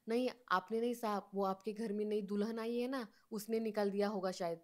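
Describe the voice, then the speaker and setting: A man's voice: high voice, fairly even intonation, a little fast, natural voice. A woman voicing a deferential male watchman in a retold story. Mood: respectful.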